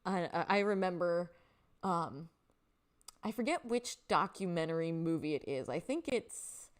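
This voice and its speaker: A young woman hosting a live stream, talking casually with her viewers. Her voice sits fairly low for a woman, and her talk is loose and friendly, full of "um" and "like", with frequent laughs. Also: expressive, measured pace. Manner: chatty, filler-heavy, laughs often, reads chat aloud. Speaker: livestream host.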